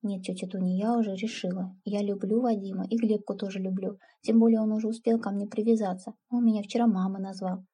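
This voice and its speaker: Woman reading a timid young village girl, earnest, pleading, soft husky tone, audiobook. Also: medium pitch, little pitch movement, fast, few pauses, natural voice.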